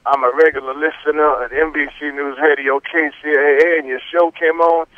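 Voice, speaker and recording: Reverend calling in by phone: a man, upbeat and gushing with thanks, slightly high-pitched, close and dry. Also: steady tone, brisk, no echo. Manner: effusive, grateful praise. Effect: heard over a phone line. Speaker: radio show caller, reverend. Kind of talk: call-in chat.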